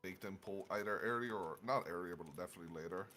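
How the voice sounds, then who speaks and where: A man's voice: low-pitched, quick pace, bright, forceful tone. A man explaining game timing to teammates in a reassuring way over voice chat during an online raid. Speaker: raid player. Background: game music.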